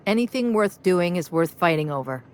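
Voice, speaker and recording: A woman's voice: on the low side, expressive, a little fast, close to an everyday voice. An actress playing a stern, no-nonsense female bar owner in a game, firm and dry. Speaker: game character.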